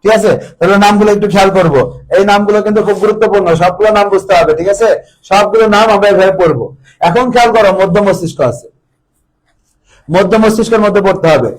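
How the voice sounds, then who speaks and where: A man's voice: high-pitched, fast, poor audio. A man tutoring biology for exam preparation, repeating each term and quizzing his students on it. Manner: drills terms by repeating them and quizzing students. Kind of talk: exam-prep lecture.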